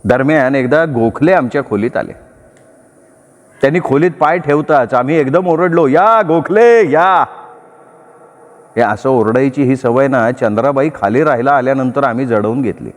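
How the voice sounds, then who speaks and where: A man telling a story aloud in a lively, expressive narrating style. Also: medium pitch, normal speed. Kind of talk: dramatic story reading. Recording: long reverb.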